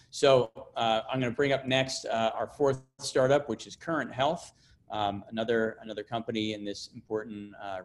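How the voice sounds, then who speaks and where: A man hosting and informally moderating online presentations, with hesitant, repetitive phrasing. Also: on the low side. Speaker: event host.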